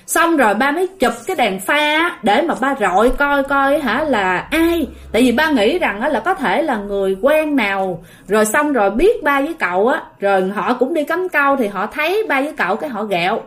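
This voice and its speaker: A woman's voice: high voice, lively intonation, moderate pace, few pauses, fairly bright tone. A woman telling a ghost story in a chatty way, talking straight to her listeners. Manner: chatty, addresses listeners directly.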